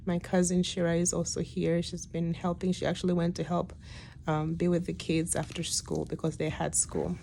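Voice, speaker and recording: A woman's voice: fairly low pitch, monotone, normal speed, gravelly, mellow. A woman in her late thirties giving a casual, reflective video diary, sounding weak and tired after surgery, with hesitant, trailing phrases. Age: late 30s. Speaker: patient giving a personal health update. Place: hospital room. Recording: noticeable background room noise.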